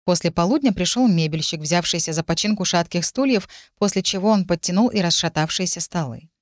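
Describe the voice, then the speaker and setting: A woman reading a first-person story aloud in an even, measured way. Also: on the low side, no room sound, clean studio sound. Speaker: audiobook narrator. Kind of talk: first-person audiobook narration.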